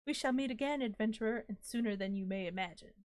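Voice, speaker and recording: A woman's voice: fairly high pitch, fast talker, darkish tone, no echo, close to an everyday voice. A woman reading aloud the lines of a mysterious disembodied voice from a game, in ornate, old-fashioned, theatrical phrasing. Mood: courtly. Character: grandiose mysterious disembodied voice, courtly.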